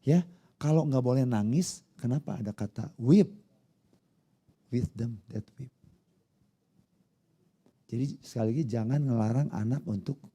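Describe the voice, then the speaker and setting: A pastor preaching a conversational sermon, often putting questions to the congregation. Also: male voice, medium pitch, dark tone, breathy edge.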